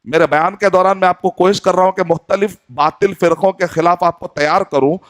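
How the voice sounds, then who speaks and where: Hyderabad preacher guy in his 40s, a bit high-voiced, earnest, dry close mic. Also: steady tone, no echo. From Hyderabad, India. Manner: earnest teaching tone, poses questions and acts out dialogue. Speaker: Islamic preacher. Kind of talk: sermon.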